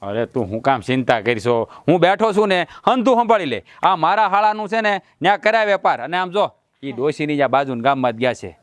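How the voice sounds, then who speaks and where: A man's voice: a little high, lively intonation, fairly quick, no room sound, clean studio sound, close to an everyday voice. A man playing a boastful village husband who swears to fix things in a family drama. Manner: boastful, swaggering, blustering. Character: proud blustering village husband, middle-aged.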